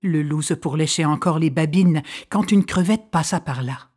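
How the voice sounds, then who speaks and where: A woman narrating a children's storybook slowly and expressively. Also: low voice, a little mellow, slightly rough.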